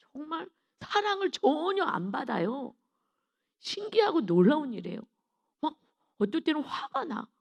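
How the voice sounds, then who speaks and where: A woman's voice: high-pitched, a little mellow. A middle-aged woman preacher giving a dawn sermon, telling a personal testimony in an earnest, emotional way and often turning to speak straight to the congregation. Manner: earnest, emotional storytelling with rhetorical asides to the congregation.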